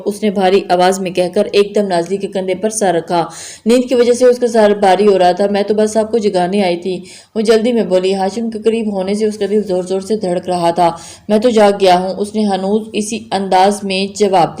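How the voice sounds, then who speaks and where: A woman's voice: medium pitch, warm tone. Woman reading a romance novel aloud. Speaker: novel reader.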